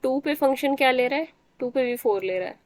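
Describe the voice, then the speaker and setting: A woman's voice: sits high, brisk, dry recording. A woman teacher giving a math lecture, explaining step by step and often checking that the students understand.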